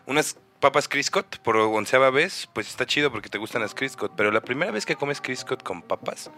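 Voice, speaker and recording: Bright-voiced young Mexican man telling stories. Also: medium pitch, brisk. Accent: Mexican Spanish. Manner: slangy, animated storytelling. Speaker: podcast co-host. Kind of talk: casual chat among friends.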